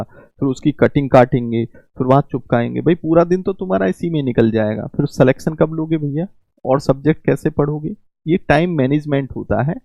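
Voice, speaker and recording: Gravelly man teaching an online class. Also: mid-range voice, dry recording. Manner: fatherly, calls students "beta", repeats points. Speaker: exam coaching teacher. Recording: dull lo-fi mic.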